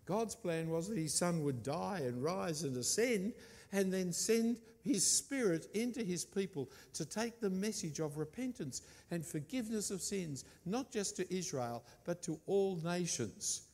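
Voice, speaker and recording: A man preaching a sermon, stressing and repeating key words with deliberate emphasis. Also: high voice, animated, darkish tone, long reverb tail.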